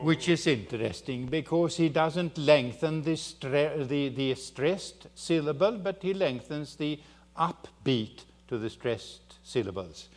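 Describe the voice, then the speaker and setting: Halting male voice-science lecturer. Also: a little high, animated. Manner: halting, with many fillers and restarts. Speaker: university lecturer. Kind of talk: academic lecture.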